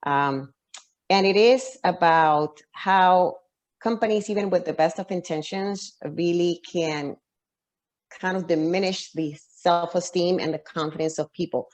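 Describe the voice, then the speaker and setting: A woman with a slightly low voice speaks as an author guest in an interview. She answers at length and thinks aloud, restarting phrases and using plenty of fillers as she works out each point. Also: unhurried, darkish tone. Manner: reflective, with frequent restarts and fillers.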